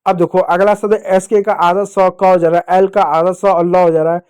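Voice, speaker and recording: A man's voice: high-pitched, flat delivery, moderate pace, a little mellow, smooth. A male teacher with an Indian Hindi accent, giving a lesson to children and patiently repeating points and answering his own questions.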